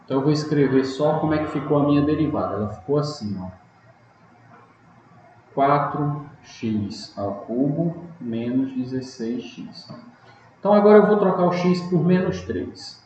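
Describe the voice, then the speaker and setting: A man's voice: fairly high pitch, animated, normal speed, darkish tone. A man teaching a math lesson step by step, patient and often checking in with his students. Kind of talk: recorded online math lesson. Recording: echoey, dull, lightly noisy room audio.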